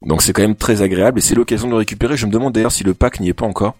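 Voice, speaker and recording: A man's voice: on the low side, racing, a little mellow, no echo, soft background music. A man chatting as a podcast panelist, rambling and hesitant with many fillers. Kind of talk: casual chat.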